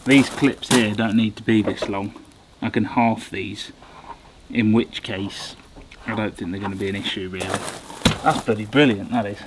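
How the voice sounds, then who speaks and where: A woman's voice: very deep voice, fairly even intonation, normal speed, heavy background noise. A woman vlogging her camper van build in a cheerful, chatty way, with some mild swearing, outdoors in a village. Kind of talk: casual vlog chat.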